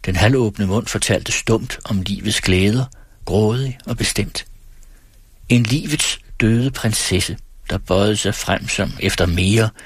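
A man reading a novel aloud on the radio in a measured, grave style, close to the studio mic. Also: fairly low pitch, slightly rough, dry recording.

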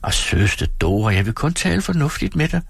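A man reading the lines of a young husband who reasons gently and earnestly with his wife. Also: on the high side, big pitch swings, gravelly, husky, no room sound, clean studio sound, voice pushed up, full character voice.

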